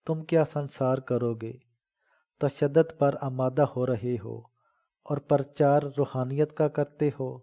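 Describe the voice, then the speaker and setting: A man's voice: mid-range voice, warm tone, natural voice. Man voicing an old mother, fierce. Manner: fervent, scolding, protective. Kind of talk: dramatic audiobook reading.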